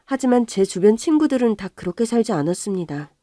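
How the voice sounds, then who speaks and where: A woman narrating a first-person life story in a calm, subdued way. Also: mid-range voice, fast talker, no echo.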